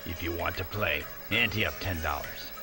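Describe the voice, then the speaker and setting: Man acting deep, stilted shady game promoter, badly acted. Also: normal speed, natural voice. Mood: creepy, coaxing. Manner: stilted, flat bad acting. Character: low-voiced shady male arm-wrestling promoter. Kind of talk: amateurish video game dub. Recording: loud music behind game dialogue.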